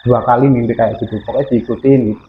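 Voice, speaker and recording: A man's voice: mid-range voice, steady tone, fast, echoey room, narrow, tinny audio, slight background noise. A man from East Java, telling his own experience earnestly as a guest on a radio interview. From East Java, Indonesia. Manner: earnest, plain storytelling with many fillers. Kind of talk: radio interview, personal story. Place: radio studio.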